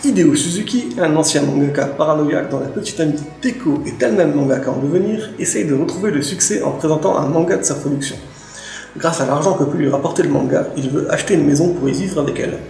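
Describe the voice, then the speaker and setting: A fairly high-pitched man with a gravelly, creaky edge to his voice chats about comics in a casual, joking review. He speaks in an echoey room with faint music under him. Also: fast talker, warm tone. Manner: chatty and joking, with frequent restarts. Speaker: library manga reviewer. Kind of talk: casual book review to camera.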